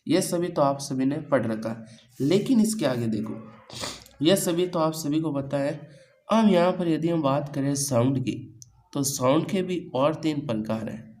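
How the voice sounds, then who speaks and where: A man's voice: a little high, a little slow, a little mellow, rough recording. A man teaching pronunciation in a coaching-class lesson, asking questions and answering them himself. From India. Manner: repeats key points as questions to students. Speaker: English teacher.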